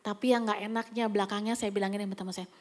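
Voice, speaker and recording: A woman's voice: medium pitch, flat delivery, very fast. A woman pastor, giving a chatty, anecdotal sermon at a church service with occasional whispered asides. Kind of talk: conversational sermon.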